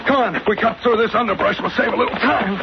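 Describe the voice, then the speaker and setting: A man's voice: sits high, fast, gravelly. A man playing a terse, take-charge American adventurer captain in a 1940s radio serial. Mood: urgent. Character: brisk, commanding, impatient male adventurer captain. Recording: muffled, very noisy 1940s radio recording.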